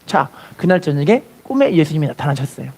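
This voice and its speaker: A man's voice: fairly high pitch, big pitch swings, fast talker, gravelly, a little mellow, slightly rough. A man preaching a sermon as pastor, telling a story and acting out its voices, then leading the congregation to repeat after him. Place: church.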